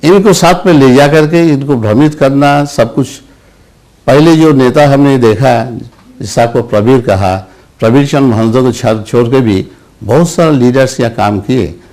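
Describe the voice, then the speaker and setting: An older man, a senior journalist, answering interview questions slowly, with pauses, restarts and repeated words. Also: mid-range voice, darkish tone. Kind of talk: interview answers, recalled anecdotes.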